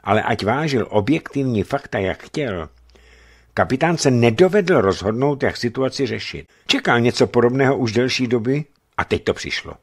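A man narrating a novel in an expressive literary reading for radio. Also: medium pitch, slightly rough. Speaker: radio reader. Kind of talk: scripted audiobook narration.

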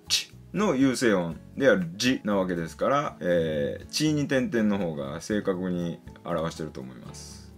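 A man giving a casual pronunciation lesson, patiently explaining and slowly sounding out example syllables and words. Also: lowish voice. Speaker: English pronunciation teacher.

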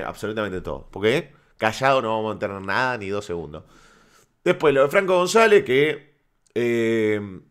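A man's voice: mid-range voice, fairly bright tone. A Uruguayan man hosting a fan channel, riffing on football in a sarcastic, rambling monologue with stammered restarts. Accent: Uruguayan Spanish. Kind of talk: casual football commentary monologue.

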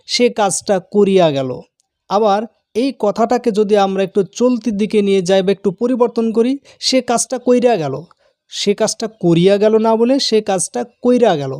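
A man teaching a grammar lesson, explaining slowly and patiently and repeating the key terms. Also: high voice, darkish tone, no echo, clean studio sound.

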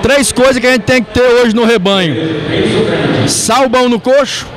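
A very high-pitched male reporter with a Brazilian Portuguese accent. He talks in an effusive, informal way and projects over a busy crowd in a large event hall. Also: moderate pace. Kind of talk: on-location interview, enthusiastic informal address. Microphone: handheld reporter microphone. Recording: loud crowd behind the voice.

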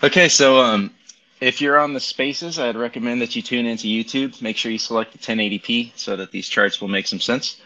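A crypto market commentator talks casually on a livestream, rambling loosely with lots of ums as he walks through crypto charts. He uses a Bluetooth headset, so his brisk, bright, forceful mid-range voice comes through tinny.

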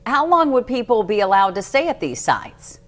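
A woman's voice: a little high, big pitch swings, moderate pace, a bit bright. A woman in her thirties anchoring a TV news interview, asking direct, pressing questions.

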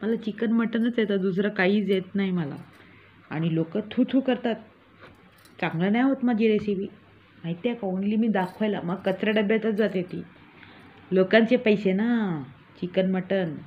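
A woman's voice: mid-range voice, moderate pace, slight background noise, close to an everyday voice. A woman playing a smug, scheming village mother who brags and mocks in a comic sketch. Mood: boastful. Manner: smug, mocking, gleeful bragging. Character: boastful scheming village mother, con artist. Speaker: comic character monologue. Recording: tinny phone-like recording.

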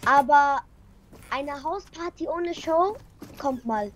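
A man voicing a hyper young boy in a squeaky falsetto for a game role-play skit. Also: animated, slow pace, a bit bright, exaggerated voice. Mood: cheeky.

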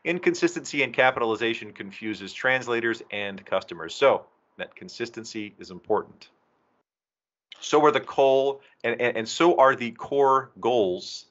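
A man presents slides for a software documentation team in an online video meeting, explaining conversationally with emphasis. His voice is medium-pitched and a bit bright, and the recording has the dull, compressed sound of video call audio.

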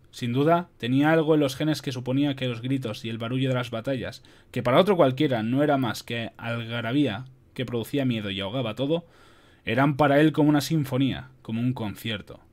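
Reader, casual audiobook narration with cheeky asides, home mic. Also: male voice, mid-range voice. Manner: casual, swears, adds asides. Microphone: home microphone.

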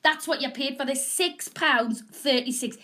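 A woman's voice: high voice, measured pace, bright, forceful tone. A middle-aged woman with a Northern English accent and a cold, hosting live home shopping in rambling, jokey, chatty patter. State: snotty with a cold, coughing. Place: small indoor room. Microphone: camera mic at a short distance, no proper mic.

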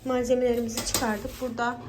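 A woman's voice: fairly high pitch, level tone, fast. A young woman and mother chatting casually to her viewers in a home vlog. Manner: chatty, addresses viewers as friends. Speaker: vlogger and mother. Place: family home. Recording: noisy home recording.

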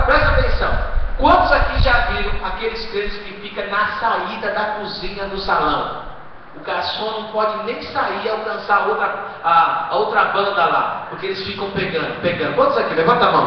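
A man preaching a sermon to his congregation, asking rhetorical questions and swinging between quiet asides and loud exhortation. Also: high voice, a little hiss or hum. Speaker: pastor. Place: church hall. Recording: echoey hall, distant muffled live stream.

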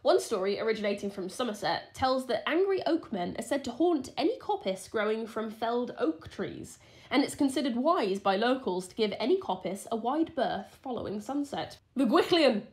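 A woman co-hosting a podcast, reading a folklore story with playful asides. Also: on the high side. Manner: lively, playful, giggly asides. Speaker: podcast co-host.

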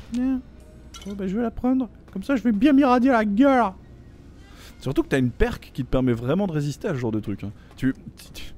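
Mellow-voiced French gamer joking along. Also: male voice, fairly high pitch. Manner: joking, swearing, reads game text aloud. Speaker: gameplay commentator. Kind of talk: casual let's-play commentary. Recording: faint game music behind.

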